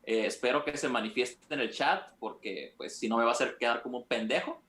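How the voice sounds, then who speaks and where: A man from Mexico, a guest on a casual podcast, talking in a teasing, animated way. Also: mid-range voice, a little fast. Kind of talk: casual chat.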